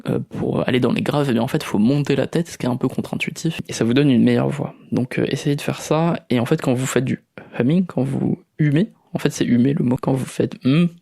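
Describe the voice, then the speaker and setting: A man's voice: mid-range voice, steady tone, brisk, creaky, mellow. A man with a French accent hosting a podcast, explaining voice tips casually, with fillers and restarts. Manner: explanatory, demonstrates vocal techniques, frequent fillers and restarts. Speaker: podcast host. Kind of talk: casual voice coaching talk.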